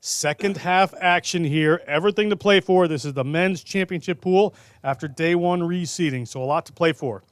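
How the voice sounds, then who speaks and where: A man calling live rugby play-by-play in a brisk, jokey way. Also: a little high, clean tone, no echo, clean studio sound. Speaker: play-by-play commentator.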